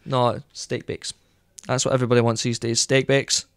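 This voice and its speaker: Smooth-voiced man rambling casually. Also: medium pitch, little pitch movement, moderate pace, no room sound. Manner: rambling, hesitant, many fillers. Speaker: podcast co-host. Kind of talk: casual chat.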